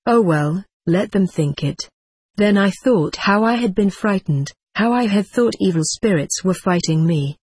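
Man, audiobook narration, husky, dry, dramatic first-person reading. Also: high-pitched, expressive, measured pace, darkish tone, no room sound.

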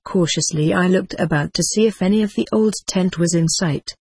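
A man's voice: high-pitched, moderate pace, a little mellow, slightly rough, no echo. A man reading a first-person adventure story aloud with dramatic expression. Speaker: audiobook narrator.

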